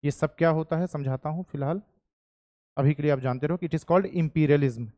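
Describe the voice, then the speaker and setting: Indian guy teaching history in class, high-ish voice, dry sound, jokey, keeps quizzing the students. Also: moderate pace, dark tone, no room sound. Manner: jokey, mixes Hindi and English, asks the class questions. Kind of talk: classroom lecture.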